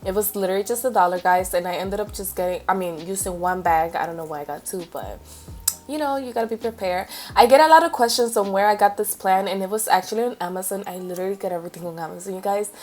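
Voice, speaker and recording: A woman's voice: medium pitch, quick pace, a little mellow. A young woman chatting casually and informally as she vlogs about home decor. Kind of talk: casual vlog chat. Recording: background music.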